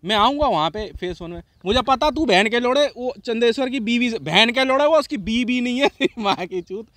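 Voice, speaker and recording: Animated, laughing man telling a story. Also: extremely high pitch, a little fast. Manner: laughs often, heavy swearing, quotes neighbours. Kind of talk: casual profane storytelling.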